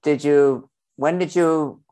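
A man's voice: on the high side, fairly even intonation, slow, warm tone. A man hosting an interview podcast, asking questions hesitantly with many fillers. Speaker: podcast host. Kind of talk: interview conversation.

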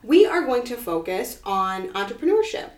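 A woman co-hosting a podcast, speaking in a calm, even tone while explaining programs. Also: fairly high pitch, moderate pace. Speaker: podcast co-host and program facilitator. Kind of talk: casual banter and explaining programs. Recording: echoey room.

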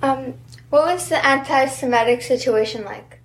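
A woman's voice: sits high, normal speed, a little hiss or hum. A woman hosting a podcast, asking short, plain interview questions.

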